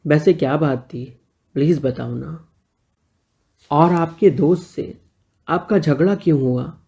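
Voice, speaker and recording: A man's voice: fairly high pitch, slow pace, creaky, a little mellow, lo-fi sound. A man voicing a shy, teasing young man who asks playful, pleading questions.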